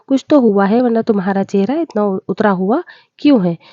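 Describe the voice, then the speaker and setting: A woman's voice: medium pitch, moderate pace, dry recording, narrow, tinny audio, natural voice. A woman voicing a poor, loving village mother. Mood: gentle. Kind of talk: storybook voice acting.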